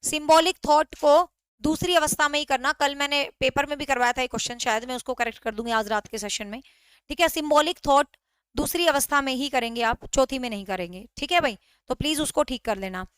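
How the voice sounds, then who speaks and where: A high-pitched woman teaching an online class, drilling her students by asking and then answering her own questions. She slips English words into her explanations. The sound is dry and close, with no room echo. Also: a little fast, a bit bright. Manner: repetitive quizzing, mixes in English words.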